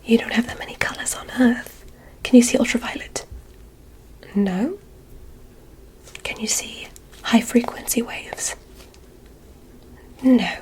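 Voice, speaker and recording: A woman's slightly high voice whispers through an ASMR roleplay in which she is a courteous, curious alien conducting an examination. She speaks in a soft, measured, clinical way, with a gentle, inquisitive mood.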